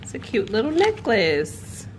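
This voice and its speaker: A woman's voice: a little high, huge pitch swings, a little slow, a little hiss or hum. A young adult woman vlogging at home, chatting enthusiastically to her viewers as she shows off a wig. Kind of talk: casual product review vlog. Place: home kitchen and living room.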